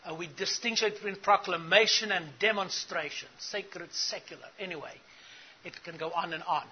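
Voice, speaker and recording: A middle-aged South African man speaks as a conference speaker, delivering an earnest teaching talk to church leaders and asking the audience questions. His voice is high-pitched and moderately paced. The lo-fi recording carries a little hiss or hum.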